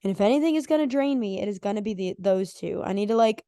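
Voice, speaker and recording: A young woman in her twenties with a hoarse, worn-out voice, co-hosting a casual podcast chat and rambling with lots of fillers. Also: medium pitch, lively intonation, fast talker, dark tone, no room sound, clean studio sound. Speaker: podcast co-host.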